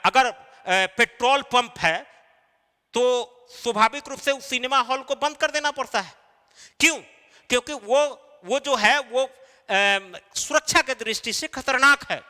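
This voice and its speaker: A man's voice: extremely high pitch, sharp tone, clear, resonant tone, long reverb tail. A man teaching an exam-preparation class, explaining step by step and answering his own questions. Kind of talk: recorded lecture.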